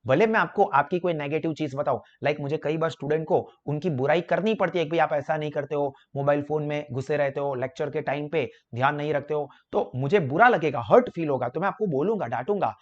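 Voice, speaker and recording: A fairly high-voiced young man with a Gujarati accent gives a classroom lecture, switching between languages as he explains. He acts out little phone conversations to make his points. The sound is a bit dull and lo-fi. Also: a little fast, hardly any pauses. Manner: explains in a lively way, acting out phone chats as examples. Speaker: commerce teacher. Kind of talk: classroom lecture mixing Hindi and English.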